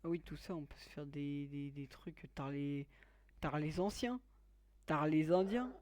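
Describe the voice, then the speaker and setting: A man's voice: on the high side, a little slow, darkish tone. A man giving let's play commentary, joking crudely and teasing his viewers. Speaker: gaming YouTuber.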